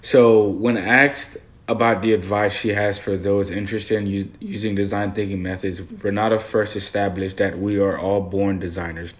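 A young Haitian man co-hosts a casual conversational discussion about a designer interview, speaking earnestly and measuredly with lots of fillers. His voice is fairly low and flat, at a moderate pace with hardly any pauses.

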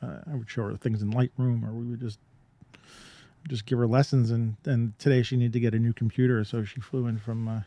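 A man's voice: mid-range voice, little pitch movement, brisk, mellow. A man co-hosting a podcast, talking in a loose, rambling way with lots of fillers and restarts. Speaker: podcast co-host. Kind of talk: casual chat.

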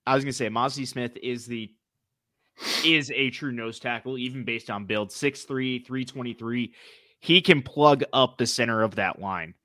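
New England man with a bright, forceful voice. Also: medium pitch, moderate pace, dry recording, clean studio sound. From New England, United States. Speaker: sports show co-host. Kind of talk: casual sports talk.

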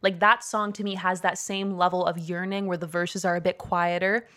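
A woman co-hosting a casual music podcast, animated and quick to laugh, with lots of "like". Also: fairly low pitch, clear, resonant tone. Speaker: podcast co-host.

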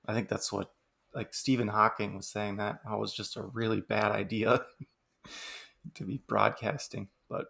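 Male podcast co-host, low gravelly voice, relaxed chatty musing. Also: moderate pace. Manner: laughs often, musing and talkative. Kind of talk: casual chat.

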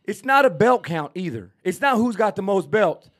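A man speaks in a high, sing-song voice with a bit of brightness and a moderate pace, his accent distinctly Texan. Co-hosting a boxing podcast, he rants emphatically and repeats himself in a casual sports argument.

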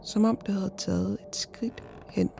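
A woman narrating a horror story in the first person, in a slow, hushed and often whispered voice. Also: mid-range voice, steady tone, creaky, a little hiss or hum.

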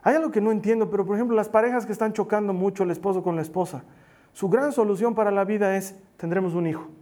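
A male pastor preaching a sermon in an animated, emphatic way, turning playful at times and dropping to a soft plea at key points. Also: high-pitched, quick pace. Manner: animated, emphatic, often playful with acted asides.

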